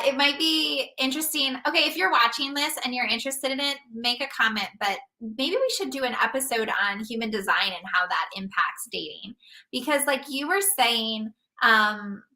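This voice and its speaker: Casting: chatty woman podcast host, upbeat, bright sharp tone, slightly high. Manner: chatty, upbeat, lots of fillers. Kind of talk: casual podcast chat.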